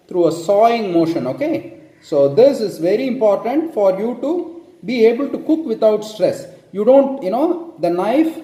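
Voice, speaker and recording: A man's voice: sits high, dark tone, reverberant. Chatty Indian man cooking in kitchen. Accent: Indian English. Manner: chatty, tags lines with "okay?", self-correcting. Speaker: home cook. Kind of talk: casual cooking tutorial. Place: home kitchen.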